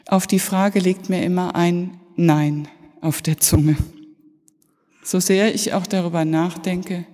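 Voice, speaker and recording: A middle-aged woman pastor giving an Easter sermon, telling stories slowly and reflectively with pauses. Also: lowish voice, fairly even intonation, warm tone. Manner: slow, reflective storytelling with pauses. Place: church. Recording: reverberant church hall.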